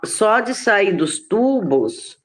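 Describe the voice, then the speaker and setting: A woman on a video call sharing news in an earnest, measured way. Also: mid-range voice, sing-song, crowd noise. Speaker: study group member. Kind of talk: casual chat.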